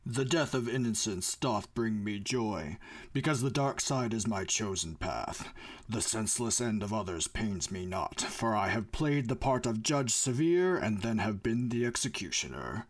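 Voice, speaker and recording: A man reading a cold, menacing dark lord in an amateur Shakespearean table read, declaiming in measured verse. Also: on the low side, expressive.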